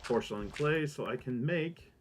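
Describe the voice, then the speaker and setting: A man's voice: mid-range voice, lively intonation, normal speed. Male gamer, whistling hissy S, slight lisp, offhand thinking-aloud commentary, noisy recording with clicks. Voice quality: minor lisp with whistling, hissed S sounds. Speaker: gamer recording a let's play. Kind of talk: casual gameplay commentary.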